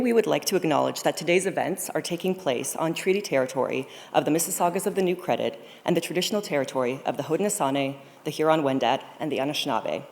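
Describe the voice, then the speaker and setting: A woman with a deep, darkish voice opens a conference by reading a scripted welcome speech. She is the conference co-programmer, introducing the event from the stage of a large studio auditorium. The hall is echoey, with long reverb.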